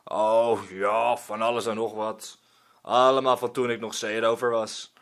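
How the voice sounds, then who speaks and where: A man's voice: on the low side, flat delivery, unhurried, a bit bright. A man voicing a grumbling old male ex-pirate who barks orders. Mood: boastful.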